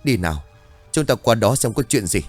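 Man doing a villager rounding up the crowd, lowish voice. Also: lively intonation, a little fast, soft background music. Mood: urging. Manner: urging others on. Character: calm villager leading the crowd.

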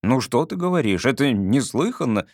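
A man playing a sly, weary grown man who talks slowly and teases a child. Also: mid-range voice, very animated, no echo, clean studio sound. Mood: wry, teasing. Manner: slow, wry and teasing.

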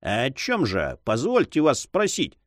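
A man's voice: a little high, very animated, moderate pace, no room sound, voice pushed up. Audiobook villain: a haughty, mocking nobleman, read by a male narrator, close and dry. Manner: ironic and haughty. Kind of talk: audiobook reading.

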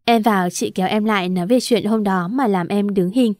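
A woman's voice: mid-range voice, a little fast, a little mellow, dry recording, studio quality. A woman narrating a first-person romance story aloud, acting out the quarrels and tears in the dialogue. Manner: emotional, voices the quarrels and crying. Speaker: audiobook narrator.

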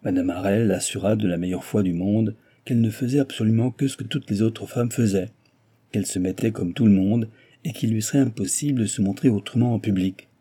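A man reading a classic novel aloud in measured, even narration. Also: fairly low pitch, slightly rough. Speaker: audiobook narrator. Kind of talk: scripted narration.

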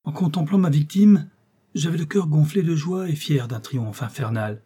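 A man reading an audiobook aloud in steady, even scripted narration. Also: a little high, normal speed, breathy edge. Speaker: audiobook reader.

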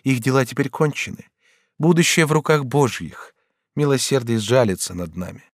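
A man's voice: medium pitch, lively intonation, dry recording, studio quality, natural voice. A man voicing a resolute, grave young woman in an audiobook, speaking firmly and earnestly. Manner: firm, earnest, measured.

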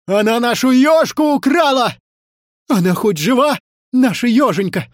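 A storyteller voicing an excitable young fairy-tale prince who jumps up and speaks out loudly. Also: mid-range voice, measured pace, no room sound, clean studio sound, pitched above the performer's own voice, close to an everyday voice. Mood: excited. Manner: excited, loud.

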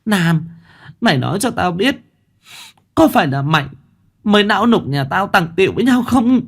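A man's voice: high-pitched, very animated, moderate pace, vocal fry, pitched above the performer's own voice, full character voice. A man voicing a furious, betrayed young village wife who screams and accuses. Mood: shrieking, furious. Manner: screaming, hysterical.

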